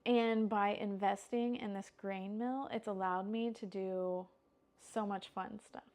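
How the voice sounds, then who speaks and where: A woman's voice: medium pitch, steady tone, measured pace, darkish tone. A woman in her thirties from the United States, chatting casually to camera in a home vlog. She is upbeat, laughs often and restarts her sentences. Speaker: homestead vlogger.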